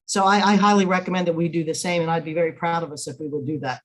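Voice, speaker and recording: A woman's voice: low-pitched, steady tone, rapid-fire, rough recording. An American woman legislator making earnest, emphatic off-the-cuff remarks in committee, repeating words for stress.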